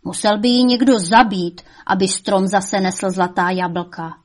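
A woman's voice: mid-range voice, close to an everyday voice. A woman voicing the devil's old mother, a cunning woman who scolds shrilly and coaxes sweetly. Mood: coaxing.

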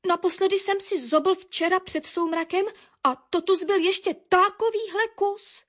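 A woman's voice: very high voice, steady tone, a bit bright, voice pushed up. A woman voicing an indignant male woodpecker insisting on his innocence. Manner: indignant protesting.

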